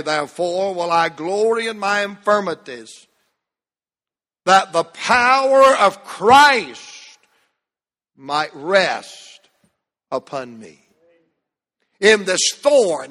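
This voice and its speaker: A man preaching a sermon to his church, with emphatic delivery, dramatic pauses and phrases that fall away at the end. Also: high voice, sharp tone. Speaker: pastor. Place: church sanctuary. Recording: long reverb of a large hall.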